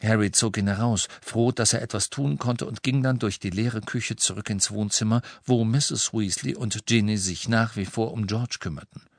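Ein Mann, der ruhig und gemessen ein Hörbuch vorliest. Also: male voice, fairly low pitch, fairly even intonation, moderate pace, few pauses, dry recording, clean studio sound. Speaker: audiobook narrator. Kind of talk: scripted narration.

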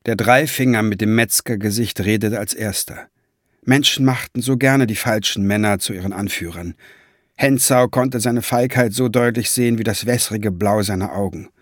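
A man reading a dark fantasy novel aloud in a measured, dramatic storytelling manner, close to the mic. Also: mid-range voice, dry recording. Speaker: audiobook narrator. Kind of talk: scripted fantasy narration.

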